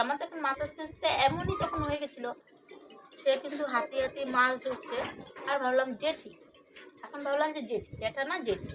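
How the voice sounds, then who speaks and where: A woman's voice: sits high, noisy background. A woman casually telling a true ghost story to her viewers, rambling and repeating herself, often addressing them as friends.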